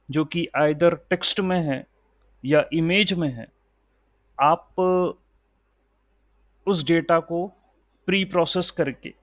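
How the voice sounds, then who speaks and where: Man, instructor, recorded tutorial, step-by-step explaining, dry close sound, unhurried. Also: a little high, fairly bright tone, no echo. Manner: explains step by step, mixing Hindi and English; checks in often with short "okay" and "right".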